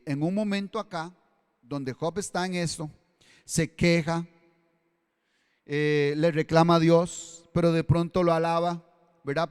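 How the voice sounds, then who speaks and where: Impassioned Costa Rican pastor, high resonant voice. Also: male voice, smooth. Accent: Costa Rican Spanish. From Costa Rica. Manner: swings from loud pleading to hushed intimate asides. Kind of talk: sermon. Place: church hall. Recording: long church-hall reverb.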